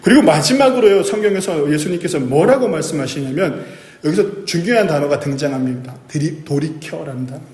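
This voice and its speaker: A man's voice: on the high side, expressive, a little fast, darkish tone. Earnest man preaching in an echoey church. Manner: earnest preaching with rhetorical questions to the congregation. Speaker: pastor. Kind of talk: sermon. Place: church sanctuary.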